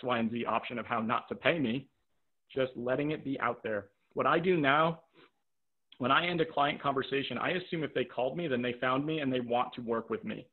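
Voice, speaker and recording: A private practice coach teaches a live webinar and takes audience questions, his mid-range voice coming through a video-call mic as narrow, tinny audio. He is direct and practical, repeats phrases for emphasis, and checks in with rhetorical "right?" and "okay?", his voice tiring after a full day of talking.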